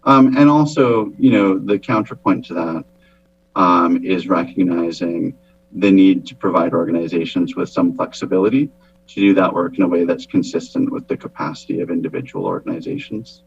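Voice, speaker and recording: A man giving a formal explanation to a committee, with measured, hesitant phrasing. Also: deep voice, vocal fry, slightly rough. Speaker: presenter to a committee. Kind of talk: formal explanatory meeting talk. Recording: dull, lo-fi meeting audio.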